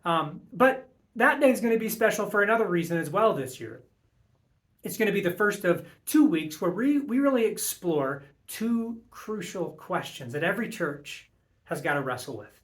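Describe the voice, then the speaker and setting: A man speaking as a pastor, giving church announcements in a measured, earnest, encouraging way. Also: high-pitched, sing-song, fairly bright tone.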